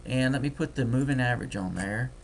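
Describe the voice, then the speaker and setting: Gravelly Deep South man. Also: slight background noise. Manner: folksy, talks fast while clicking. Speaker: trading software tutor. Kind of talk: screen-recorded tutorial.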